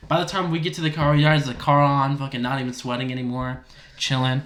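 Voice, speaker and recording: A young man co-hosting a casual podcast, excitedly retelling a story, swearing often and acting out his friends' lines. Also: medium pitch, fast talker, slight background noise. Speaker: podcast co-host. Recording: roomy echo.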